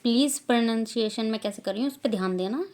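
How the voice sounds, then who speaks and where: A woman from India with an Indian accent, teaching a beginner language lesson, saying each word slowly and loudly and repeating it. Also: on the high side.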